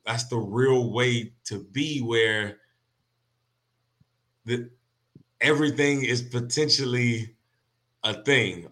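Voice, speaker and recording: Man, podcast co-host, bright voice, halting, searching, casual chat. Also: mid-range voice. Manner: searching, halting, many restarts. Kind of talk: reflective casual conversation.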